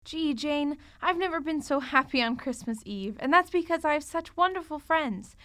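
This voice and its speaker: Naive young roommate, high bright voice, bubbly innocent delivery, 1940s radio comedy. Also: female voice, lively intonation, moderate pace. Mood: cheerful. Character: ditzy sweet young woman roommate.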